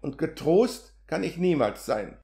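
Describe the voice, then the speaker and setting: A man reading the lines of an impatient, agitated male land surveyor with sharp, exasperated outbursts, in a roomy recording. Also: a little high, big pitch swings, unhurried, gravelly, heavily acted. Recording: roomy echo.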